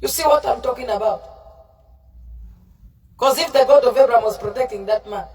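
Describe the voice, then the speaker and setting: A woman with a fairly high, darkish-toned voice preaches at a fairly quick pace during a livestream. Far from the mic, she scolds and confronts her audience in a fiery, informal sermon, repeating herself, mixing in Pidgin, and replying to live comments.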